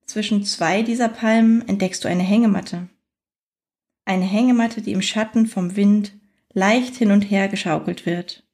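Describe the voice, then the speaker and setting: A woman with a mid-pitched voice leads a guided relaxation. She reads in a soothing, unhurried way. Long pauses separate her phrases, as in a scripted meditation. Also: fairly even intonation, darkish tone. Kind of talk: guided fantasy journey, scripted relaxation narration.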